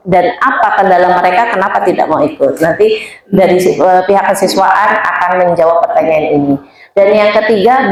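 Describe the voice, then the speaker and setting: A woman presenting school programs to her colleagues at a staff meeting, speaking to them directly and going through her points in order. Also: mid-range voice. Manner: addresses colleagues directly, lists items in order. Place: school hall or meeting room. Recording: very echoey room.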